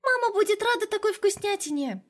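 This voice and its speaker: A woman voicing a playful, teasing little girl in an audiobook, with a squeaky singsong voice. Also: lively intonation, fairly quick, fairly bright tone. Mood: sulky chirp. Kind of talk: audiobook character voice.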